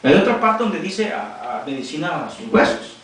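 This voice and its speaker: A man's voice: a little high, big pitch swings, normal speed, fairly bright tone, distant mic, a little hiss or hum. A man preaching a sermon in a church, talking directly and conversationally to the congregation. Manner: conversational, addressing listeners directly. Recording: echoey church room from afar.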